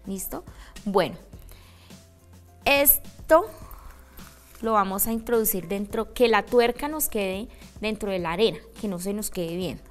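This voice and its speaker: A woman with a middle pitch demonstrates a handmade craft step by step. She keeps pausing to check that her audience is following along. Soft music plays faintly in the background. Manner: checks in with a frequent "¿listo?". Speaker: craft instructor.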